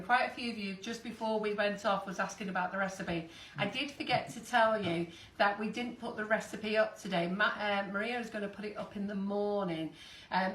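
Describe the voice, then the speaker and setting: A woman in her fifties hosting a live-stream baking demonstration in a kitchen, chatty and quick to laugh. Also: mid-range voice, a bit bright. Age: 50s. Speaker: host. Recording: echoey room, distant mic, faint noise.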